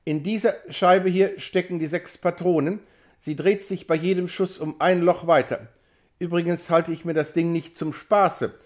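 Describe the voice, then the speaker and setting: A man's voice: fairly high pitch, fairly even intonation, moderate pace, natural voice. A man reading an audiobook, voicing a brash, cynical young male patient with a nonchalant, mocking drawl. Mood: boastful.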